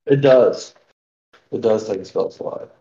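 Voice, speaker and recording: A man's voice: fairly low pitch, unhurried, warm tone. A man playing in a tabletop game, talking in casual table banter. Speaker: player in a tabletop game show. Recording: roomy, slightly dull.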